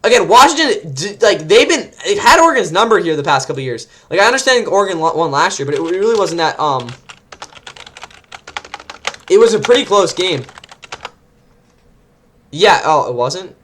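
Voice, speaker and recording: A young man, rambling excitedly through casual sports predictions as host, often correcting himself mid-sentence. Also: high voice, moderate pace, long pauses, slight background noise.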